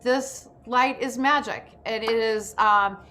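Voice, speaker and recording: Over a noisy video call from an indoor room, a woman hosts an informal online workshop, eagerly coaching acting self-tapes. Her voice is on the high side with a sharp tone, and she takes her time.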